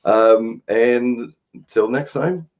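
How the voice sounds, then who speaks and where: A man's voice: mid-range voice, slow, a little mellow. A man hosting a podcast, rambling casually and laughing often, poking fun at himself. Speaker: podcast host. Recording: dull lo-fi sound.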